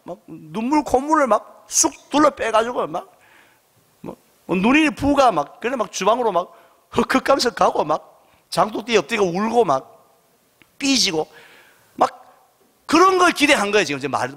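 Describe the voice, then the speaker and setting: A male pastor preaches with lively storytelling and rhetorical questions. His voice sits high and bright and swings widely in pitch. Long reverb from the church hall follows his words. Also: normal speed. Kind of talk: sermon. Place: church sanctuary.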